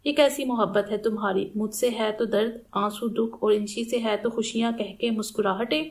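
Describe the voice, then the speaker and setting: A woman's voice: on the high side, steady tone, close to an everyday voice. A woman reading the lines of a wronged young wife, accusing and pleading in an audiobook novel. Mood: anguished. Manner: pleading, reproachful questions.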